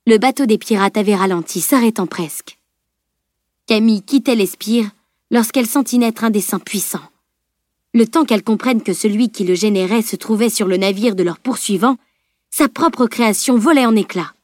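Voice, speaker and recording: A woman narrating a fantasy novel as an audiobook in a steady, clear reading voice. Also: mid-range voice, normal speed, no room sound, studio quality. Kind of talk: scripted narration.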